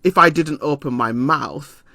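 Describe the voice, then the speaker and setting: A man's voice: a little high, measured pace, gravelly, pushed and bright, no room sound. A man from Leeds, England, talking reflectively in an interview, with frequent ums and some laughter. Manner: thoughtful, hesitant with frequent ums; laughs often while telling stories. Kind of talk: reflective conversation.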